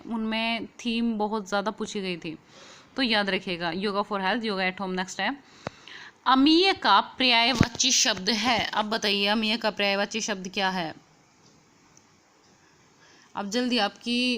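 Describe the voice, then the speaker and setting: Bright-voiced woman teaching a quiz. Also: medium pitch. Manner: explains patiently, repeats key points, asks the viewer questions. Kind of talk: online quiz lesson.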